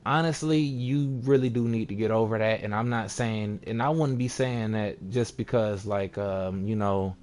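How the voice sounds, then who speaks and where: A man's voice: on the low side, fairly even intonation, moderate pace, few pauses, darkish tone. Laid-back young man ranting casually. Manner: laid-back, rambling, sarcastic mock voices. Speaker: vlogger. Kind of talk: casual rant to camera.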